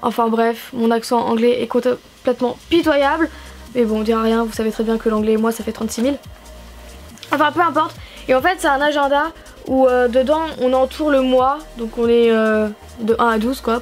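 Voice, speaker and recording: A young woman from France with a high, light voice gushes over the stationery she is unboxing. She chats casually and keeps adding fillers and repeated exclaims, with faint music playing underneath. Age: young adult. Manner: gushing, enthusiastic, chatty with fillers.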